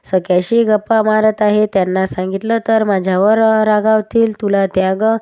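A woman's voice: mid-range voice, little pitch movement, normal speed, warm tone, smooth, dry recording, lo-fi sound, natural voice. A woman voicing a timid young palace maid in a devotional story. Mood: wary. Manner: questioning, apologetic.

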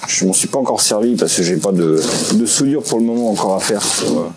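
A man in his forties casually unboxing and showing a tool in a small indoor workshop office, relaxed and halting with many fillers. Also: on the low side, background noise. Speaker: vlogger.

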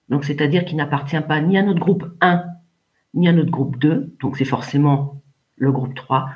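A woman's voice: low-pitched, muffled recording. A woman teaching English pronunciation in an online class, patiently correcting pupils one by one by name.

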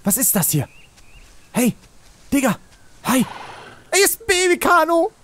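Ein Mann, der aufgeregt ein Spiel kommentiert, in Panik ruft und fleht und viel Jugendslang benutzt. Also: male voice, very high-pitched, a little slow. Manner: excitable, shouts and pleads in panic, youth slang. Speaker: let's play host. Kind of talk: excited gaming commentary.

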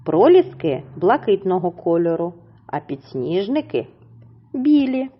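A woman teacher with a husky voice, giving a slow, clearly enunciated reading lesson to young children and drawing out words syllable by syllable. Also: fairly low pitch, sing-song, dull audio. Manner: syllable-by-syllable drawn-out pronunciation, encouraging. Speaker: primary school teacher.

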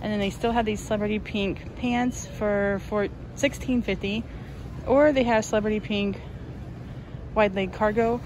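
A woman vlogging as she walks a large store, chattily listing prices and getting excited over new finds. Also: medium pitch, normal speed, slight background noise. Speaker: shopping vlogger. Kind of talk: casual shop-with-me narration. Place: large retail store, indoors.

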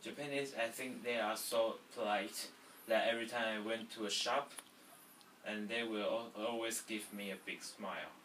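Young man, low, roomy and distant. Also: fairly even intonation, normal speed, a bit bright, a little hiss or hum. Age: young adult. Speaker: student. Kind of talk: casual vlog talk. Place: small indoor room against a wall.

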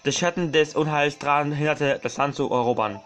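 A man voicing a solemn, dying ancient male tree spirit from a video game, reading slowly in a raised, loud voice. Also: a little high, lightly acted.

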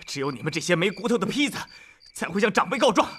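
A fiery young country lad. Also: male voice, high voice, big pitch swings, fast talker, a crowd in the background. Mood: defiant, furious. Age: young adult. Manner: shouting defiance. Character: hot-headed young country lad, stubborn and proud. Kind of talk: dubbed martial-arts film acting. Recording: film audio with loud score behind.

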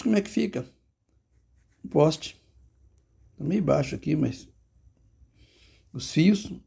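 A man's voice: mid-range voice, vocal fry, warm tone, breathy edge. A man with a Brazilian Portuguese accent gives a casual, chatty drawing lesson. He talks to himself as he draws and records on a handheld phone. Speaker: drawing teacher.

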